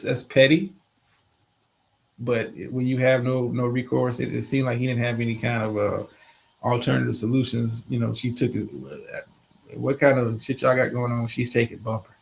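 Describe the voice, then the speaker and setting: A man's voice: medium pitch, unhurried, creaky, poor audio. A man co-hosting a casual live stream from home, giving blunt, profane commentary to his viewers. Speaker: stream co-host.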